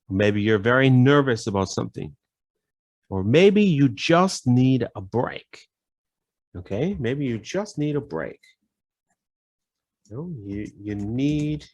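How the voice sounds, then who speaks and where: A man teaching a casual English vocabulary lesson, repeating phrases and filling pauses with "you know". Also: medium pitch, no room sound.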